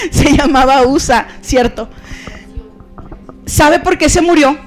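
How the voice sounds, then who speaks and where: A woman pastor preaching a sermon in an animated, conversational way, acting out stories. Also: sits high, takes it slowly, soft background music.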